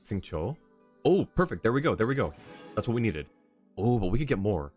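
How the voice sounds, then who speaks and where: Over video game music, a streamer chats with his viewers and mutters short bursts of thought during gameplay. His voice is lowish, sing-song, brisk and a little mellow.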